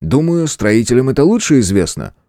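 A man's voice: medium pitch, sing-song, a little fast, mellow, dry recording, clean studio sound, voice pushed up. Man as a cold, commanding young lord. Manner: curt, commanding. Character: young lordly male hero, cold and domineering.

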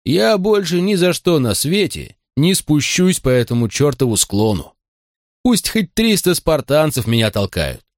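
A man's voice: a little high, big pitch swings, unhurried, no room sound, clean studio sound, pitched above the performer's own voice. A man voicing a grumbling, suspicious frontier deputy who makes threats, in a story reading.

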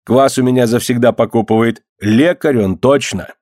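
A man's voice: medium pitch, normal speed, darkish tone, dry recording, clean studio sound, lightly acted. A man voicing a talkative, frightened male kvass seller in folksy old-style speech. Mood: eager, anxious.

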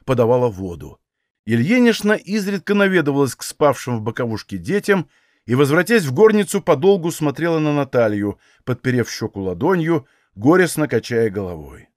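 A man calmly reading a literary novel aloud as an audiobook narrator. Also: medium pitch, dry recording, clean studio sound.

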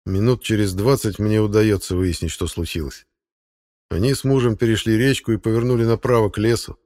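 A man narrates a first-person audiobook in a steady, matter-of-fact way. His voice sits on the low side, even and unhurried, carrying the scene plainly.

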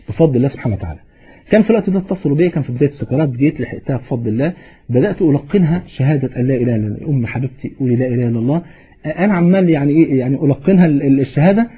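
Husky, fast-talking Egyptian preacher man. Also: fairly high pitch, mellow, low-quality recording. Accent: Egyptian Arabic. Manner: fervent, heartfelt storytelling rising to urgent exhortation. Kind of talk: sermon.

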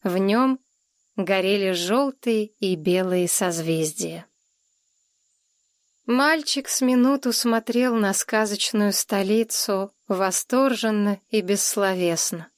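A woman reading a children's story aloud with calm, even storytelling. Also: medium pitch, slow, no room sound, clean studio sound. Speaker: narrator. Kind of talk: audiobook narration.

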